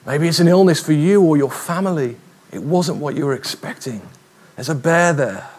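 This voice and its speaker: A man giving a sermon, lively and humorous, with a fairly high pitch for a man. He talks conversationally and builds stories with a light touch. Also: normal speed, slightly rough. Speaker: preacher. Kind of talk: sermon with storytelling.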